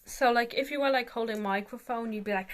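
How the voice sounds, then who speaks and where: A woman giving a casual, rambling tutorial as an amateur vocalist, hesitant and self-deprecating, saying "like" very often. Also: a little high.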